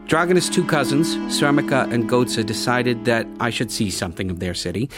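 A man narrating a scripted story in a measured way, with dramatic pauses. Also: medium pitch. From United States. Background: guitar music.

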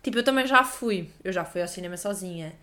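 A woman's voice: fairly low pitch, lively intonation, fast talker, sharp tone. A young woman, chatting casually and giving opinions in slangy speech as a podcast co-host. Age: young adult. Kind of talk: casual chat.

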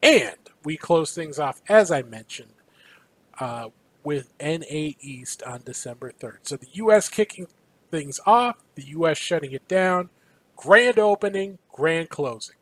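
A man's voice: fairly high pitch, expressive, fairly bright tone, no echo, rough recording. Upbeat man co-hosting a gaming show. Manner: playful, reads schedules quickly with fillers. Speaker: co-host. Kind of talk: casual esports news chat.

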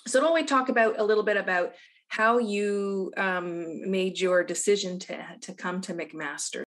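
A woman's voice: mid-range voice, normal speed. A woman interviewer asking casual questions, often restarting her sentences.

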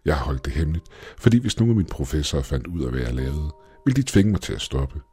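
A man voicing an obsessive, excitable young male astronomy student who talks eagerly and urgently. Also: extremely low pitch, husky, exaggerated voice. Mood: proud.

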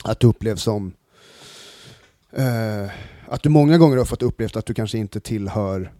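A man hosts a relaxed conversation, circling around his questions with restarts. His voice is warm and mellow, and the recording is dry and close. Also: on the low side, no echo. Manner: hesitant questions, many fillers and restarts. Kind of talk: casual chat.

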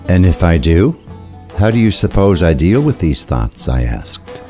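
Man as deep-voiced, reflective storytelling seeker. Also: very animated, dark tone, soft background music, exaggerated voice. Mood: wry. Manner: measured, literary, reflective. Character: thoughtful, questioning male seeker narrating his own tale. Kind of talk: scripted first-person story narration.

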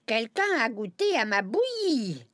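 A man's voice: very high voice, very animated, a little slow, sharp tone, no echo, studio quality, voice pushed up, heavily acted. A man voicing a mother bear with a medium, matter-of-fact voice. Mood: plain. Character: calm middling mother bear.

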